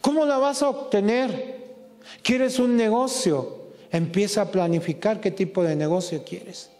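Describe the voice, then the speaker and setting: A man preaching a sermon in a church hall, impassioned and rising to shouts as he acts out quotes. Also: high-pitched, unhurried. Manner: impassioned, rises to shouting when acting out quotes. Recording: long reverb of a hall.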